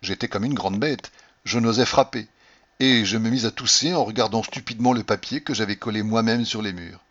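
A man narrating a classic novel as an audiobook, with expressive storytelling. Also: fairly low pitch, a little fast. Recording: dull lo-fi recording.

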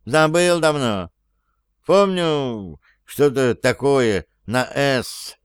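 A man voicing a skittish old male house spirit with a shrill, whiny squeal. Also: lively intonation, drawn-out words, clean tone, no room sound, studio quality. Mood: grumbling.

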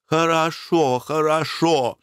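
A man's voice: fairly high pitch, steady tone, takes it slowly, fairly bright tone, clean tone, no echo, clean studio sound, pitched above the performer's own voice. A man voicing a sleepy, worried middle-aged wife in a storybook reading, plaintive and fearful.

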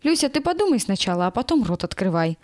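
A woman's voice: medium pitch, sing-song, fast, darkish tone, no room sound, clean studio sound, natural voice. A woman voicing an older kindergarten staffer who coaxes, reasons and scolds by turns. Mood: chiding. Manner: coaxing, reasoning, chiding.

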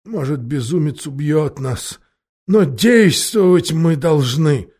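A man voicing a gloomy male marsh creature who speaks with drawn-out caution. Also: a little high, lively intonation, a little mellow, husky, full character voice. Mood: grave.

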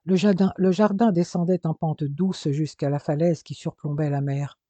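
A reader tells a novel in steady, even scripted narration. The voice is deeply mellow and warm, with a mid pitch. The recording is dry and close, with no room sound. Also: normal speed, no room sound. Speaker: audiobook reader.

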